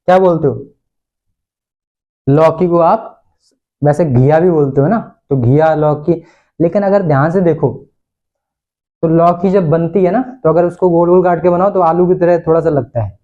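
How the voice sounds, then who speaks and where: A man's voice: a little high, mellow. Playful man teaching with a dull sound. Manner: playful, repeats questions and answers, laughs often. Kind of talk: online lesson.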